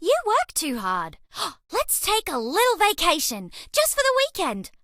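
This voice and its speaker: Brie, high bright excitable alien girl. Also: unhurried, dry recording, studio quality, full character voice. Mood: playful, eager. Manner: bubbly, playful, dramatic, swinging from exclaiming to coy. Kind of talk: animated game character voice lines.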